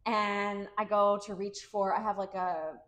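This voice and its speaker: A woman's voice: medium pitch, fairly even intonation, a little slow, a bit bright. A woman co-hosting a podcast, telling stories in a chatty, rambling way with lots of fillers and easy laughter. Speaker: podcast co-host. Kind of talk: casual chat.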